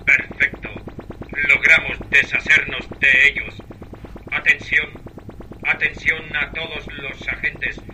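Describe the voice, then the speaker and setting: An actor voicing a cold, commanding electronic computer in a radio drama, with a clangy metallic robot voice and flat, clipped commands. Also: male voice, fairly high pitch, slow, a little hiss or hum, full character voice, poor audio. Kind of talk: vintage radio drama acting.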